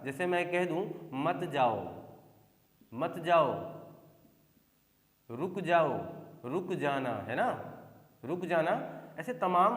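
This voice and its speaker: A man teaching a grammar lesson for exam preparation, explaining with many repeated example sentences and often checking whether listeners follow. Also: high-pitched. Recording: echoey room with long reverb.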